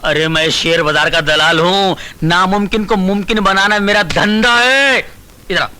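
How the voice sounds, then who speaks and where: An actor playing a brash, bossy, boastful stockbroker husband in a Hindi film comedy, loud and commanding. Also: male voice, high voice, measured pace, a little hiss or hum, full character voice.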